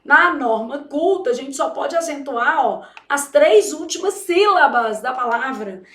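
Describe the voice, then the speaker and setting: A Brazilian woman teaching a grammar lesson in a high voice. She talks emphatically and with theatrical flair, often checking in with the class. The sound rings in a roomy echo. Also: lively intonation, unhurried, a bit bright. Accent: Brazilian Portuguese. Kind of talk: exam-prep grammar lesson.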